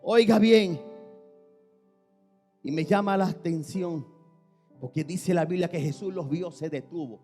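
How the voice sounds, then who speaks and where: Impassioned high-voiced pastor. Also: male voice, unhurried, long pauses, soft background music. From Puerto Rico. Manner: impassioned preaching, swinging between shouting and hushed tones; addresses the congregation directly, names listeners. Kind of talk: sermon. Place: church.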